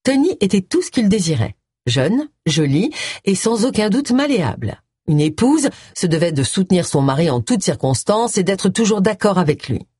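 A woman narrating an audiobook in expressive storytelling style. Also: medium pitch, normal speed, breathy edge, no room sound, clean studio sound. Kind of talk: scripted narration.

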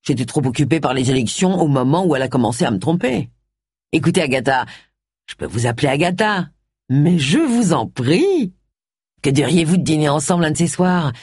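A woman's voice: low voice, lively intonation, fairly quick, a little mellow, slightly rough, no echo. A woman reading a storybook who voices a smug, suggestive older male politician, close to her own voice.

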